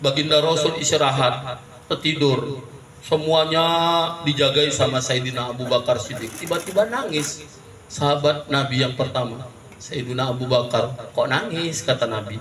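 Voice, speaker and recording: A man's voice: medium pitch, normal speed. A man from Indonesia preaching a humorous sermon to a live audience, joking and calling out to the women in the crowd. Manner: lively and joking, often calls out to the women in the audience. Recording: echoey room, mic from a distance. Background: audience murmur and laughter.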